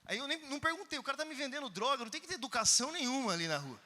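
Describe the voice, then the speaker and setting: A Brazilian man preaches from a conference stage in a very high, sharp, bright voice. He tells animated stories and breaks into shouts now and then. A long hall reverb trails behind his words. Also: very fast. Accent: Brazilian Portuguese. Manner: animated storytelling that bursts into shouts. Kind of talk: conference sermon.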